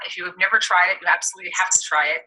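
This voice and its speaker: A woman's voice: lowish voice, fairly even intonation, very fast, pushed and bright, rough recording. A woman in her fifties giving an upbeat coaching testimonial. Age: 50s. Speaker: fitness coach.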